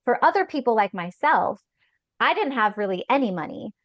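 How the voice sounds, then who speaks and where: A woman career coach giving advice in an interview, animated and chatty, peppering her talk with "like.". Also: on the high side, moderate pace, no room sound, highs cut off. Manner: animated, acts out anxious inner voices, frequent "like". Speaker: career break coach, guest.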